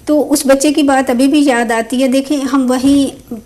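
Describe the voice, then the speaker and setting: A woman hosting a relaxed talk show, telling stories from family life and mixing English words into her speech. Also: high voice. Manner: storytelling, mixes English words into Urdu. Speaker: host. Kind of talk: casual chat.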